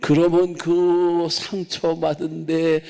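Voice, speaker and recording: Preacher doing the Lord: stern, grieved male master, slow scolding, gravelly, long hall echo. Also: fairly high pitch, monotone. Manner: slow, scolding, rising to shouts.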